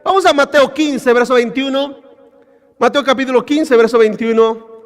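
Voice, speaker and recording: Pastor, Latin American Spanish accent, very high male voice, emphatic sermon delivery, long church reverb. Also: normal speed. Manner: emphatic, animated preaching with repeated phrases and rhetorical questions.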